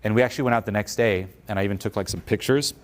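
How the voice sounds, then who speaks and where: Speaking rapid-fire in a fairly low voice, this man gives an animated motivational conference talk. He coaches the crowd and frequently voices the inner thoughts of the people in his stories.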